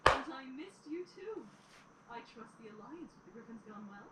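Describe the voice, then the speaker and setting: A woman voicing a regal, motherly pony princess who mentors in a measured, formal way in an audio drama. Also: fairly high pitch, sing-song. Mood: gracious. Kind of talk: fan audio drama acting. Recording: roomy, distant, noisy playback of audio drama.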